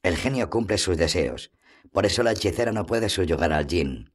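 A man narrates a fantasy novel aloud in an audiobook reading. His delivery is steady and measured, and his voice sits very low. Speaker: audiobook reader. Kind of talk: scripted narration.

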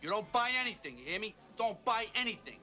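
An actor playing a menacing middle-aged mob boss with an explosive temper, berating a crew member with profane repeated questions. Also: male voice, high voice, very animated, fast, heavily acted. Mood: commanding. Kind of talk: film drama acting. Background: loud party music.

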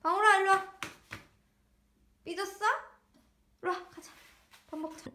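A woman's voice: very high voice, fairly even intonation, unhurried, pushed and bright, a little hiss or hum. A young woman in her twenties vlogging in casual chat, playful and sing-song as she coos at her dog. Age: 20s.

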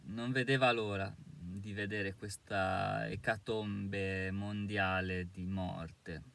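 Indignant man, bright voice. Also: on the low side, fairly even intonation, slow pace, vocal fry. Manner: indignant, emphatic, with hesitant fillers. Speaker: YouTube commentator. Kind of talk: monologue to camera.

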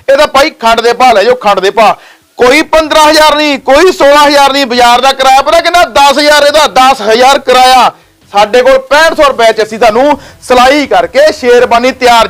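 Male promo host, very high pitch, dramatic exclamatory sales delivery with emphatic repetition. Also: fairly bright tone, poor audio. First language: Punjabi. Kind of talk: excited shop promotion pitch.

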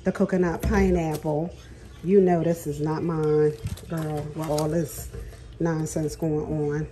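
Filming her hands over the counter with a phone camera, this middle-aged vlogger talks casually to her viewers about her groceries, often laughing and addressing them as "girl." She speaks in a low-pitched, rather flat voice at a slightly slow pace. Background noise can be heard in her home kitchen.

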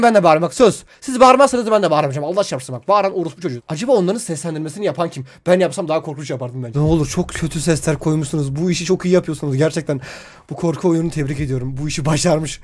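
A young man streaming a horror game, talking straight to his viewers, swearing a lot and yelping in fright. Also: on the high side. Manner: excitable, yelps and shouts in fright, swears a lot; talks to viewers directly. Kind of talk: horror game let's play commentary.

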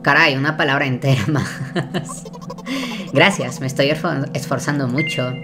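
A woman's voice: very deep voice, steady tone, unhurried. A woman from casually reading a text game aloud in a nervous, self-mocking way, stumbling over words and giggling. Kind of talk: casual let's-play narration and reading. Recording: game music playing behind her voice.

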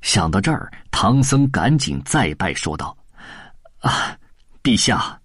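Guy reading a storybook, low husky voice, lively, dry close sound. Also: moderate pace, dry recording. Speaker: audiobook narrator. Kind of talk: storytelling narration.

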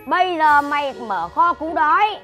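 An actress playing a stern village elder who gives brisk, commanding orders, with music under the dialogue. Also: female voice, high-pitched, animated, a bit bright. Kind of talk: comedy film acting.

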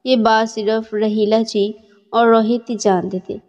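A woman narrating a serialized story in a steady storytelling manner. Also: a little high. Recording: dull lo-fi with long reverb.

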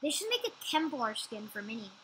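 A woman chatting casually while playing a computer game at home, quick to agree and often trailing off mid-sentence. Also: fairly high pitch, very animated, fairly bright tone, a little hiss or hum, low-quality recording. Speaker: gameplay channel co-host. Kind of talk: casual gameplay chat.

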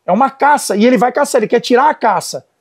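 His voice is extremely high, quick, and edged with breath: a middle-aged Brazilian dog trainer leading a casual lesson in a Brazilian Portuguese accent. He animatedly tells stories and directs both the dogs and his helpers.

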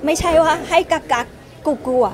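A woman in her thirties speaks with a high, earnest voice. She explains her side at length in an interview. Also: a little fast, crowd noise. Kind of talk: emotional interview.

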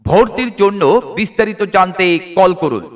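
A man making a loud promotional announcement, calling out slogans in drawn-out phrases with a megaphone-like sound. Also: sits high, lively intonation, far from the mic. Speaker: advertising announcer.

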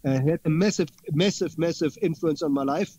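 Man, high voice, interview guest, earnest, repeats words, dull lo-fi sound. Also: fairly quick, warm tone, breathy edge, dry recording. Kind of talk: interview conversation.

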